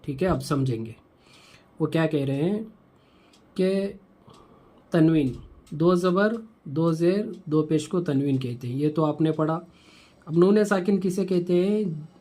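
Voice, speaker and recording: Slow, patient man teaching Quran reading. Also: a little high, warm tone. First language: Urdu. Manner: patient, repeats each syllable slowly. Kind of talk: slow recitation lesson.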